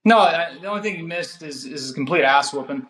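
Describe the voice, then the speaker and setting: Higher-voiced young man, halting emphatic sports talk. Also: fairly bright tone. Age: 20s. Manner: halting, repeats phrases for emphasis. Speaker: former college basketball player. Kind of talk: casual sports podcast conversation. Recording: roomy, echoey sound.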